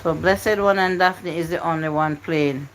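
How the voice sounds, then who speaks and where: A woman's voice: sits low, fairly even intonation, normal speed, slight background noise, poor audio. A woman hosting a live stream word game, coaxing and pleading with her chat to join in.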